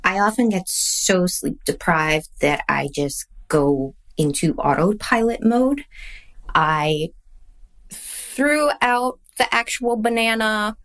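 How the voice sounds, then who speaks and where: A woman telling a funny story about her own sleep-deprived mistakes, mocking herself. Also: medium pitch. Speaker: mother sharing a story. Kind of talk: recorded anecdote.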